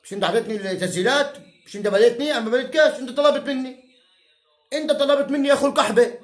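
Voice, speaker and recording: A man's voice: very high voice, very fast, reverberant. A man with a Palestinian Arabic accent delivers an angry, heated, profane rant to camera, mocking and insulting those he argues against. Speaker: self-styled political commentator.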